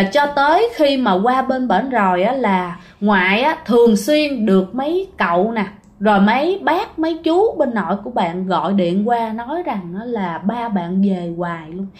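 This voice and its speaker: A woman with a Southern Vietnamese accent telling a ghost story in a chatty way, speaking straight to her listeners. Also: mid-range voice. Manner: chatty, addresses listeners directly. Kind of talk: casual ghost story narration.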